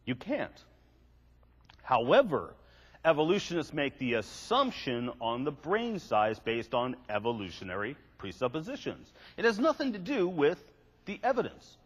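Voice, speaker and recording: A man's voice: a little high, very animated, normal speed, slightly rough. An older man giving a lecture to a live audience, with wry, sarcastic asides. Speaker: creationist seminar speaker. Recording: echoey hall, faint music.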